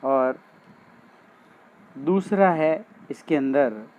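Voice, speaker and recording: A man's voice: a little high, lively intonation, darkish tone. A male maths teacher giving a classroom lesson, talking straight to his students and explaining each step. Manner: addresses students directly, slow and explanatory. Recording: dull lo-fi sound with faint background noise.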